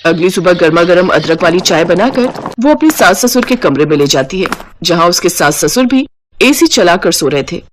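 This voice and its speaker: A woman narrating a scripted cartoon moral story in an even, storytelling manner. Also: lowish voice, normal speed, a little hiss or hum.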